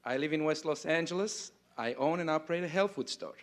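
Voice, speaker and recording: A man from Egypt, a game show contestant, answering in an earnest, deliberate way. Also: fairly high pitch. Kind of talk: casual on-air chat. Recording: studio audience.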